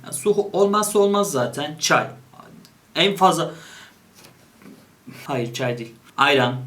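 Casting: playful young man, voice a bit high, casual quiz-video chat, quick to joke. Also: bright, forceful tone. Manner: reads options aloud and jokes about each. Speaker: YouTuber. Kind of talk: casual chat while taking an online quiz.

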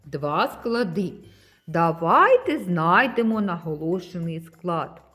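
Slow, lively-voiced woman teaching children. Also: fairly low pitch, faint music behind. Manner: slow, deliberate, stressing syllables for children. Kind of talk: children's phonics lesson.

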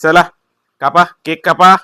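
A man's voice: on the high side, steady tone, measured pace, sharp tone, clean tone. A man with a Marathi accent hosting a casual family vlog, chatty, coaxing and playful. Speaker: vlog host.

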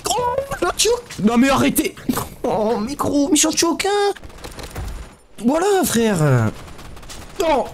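A man giving casual gameplay commentary, excitable and slangy, often yelling at the game. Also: extremely high pitch, takes it slowly, pauses often, background noise. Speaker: gaming YouTuber.

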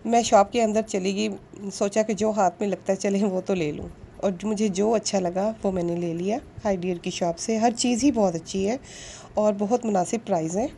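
A woman narrating a casual shopping vlog, speaking politely and earnestly, pausing with fillers now and then. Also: medium pitch, fairly even intonation, gravelly, warm tone, a little hiss or hum. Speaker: vlogger.

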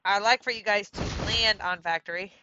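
A woman's voice: medium pitch, steady tone, a little fast, pushed and bright, dull audio, slight background noise. A woman hosting a live game stream, chatting casually, laughing often and reading her viewers' messages aloud.

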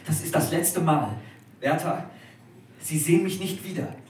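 A man's voice: on the high side, unhurried, voice pushed up, lightly acted. A man voicing a young woman torn between love and anger in a staged reading at a restaurant, in a raised, urgent voice. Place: restaurant at a live dinner reading. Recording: echoey room from a distance, faint noise.

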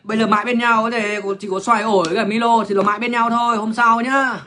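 A man's voice: very high-pitched, fairly even intonation, fast, bright, forceful tone. A man, ranting bluntly and crudely to viewers on a livestream. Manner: crude, profane, blunt, lecturing.

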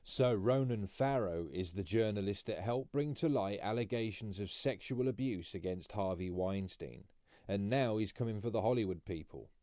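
A man reads scripted commentary in a measured, explanatory way. His voice is mellow and dark. The recording is dry and close, with no room around it. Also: on the low side, no echo. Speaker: commentary channel host.

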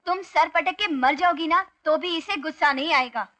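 A woman's voice: sits high, normal speed, sharp tone. Bantering young woman friend, film comedy. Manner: challenging, betting banter. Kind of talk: Hindi film comedy acting.

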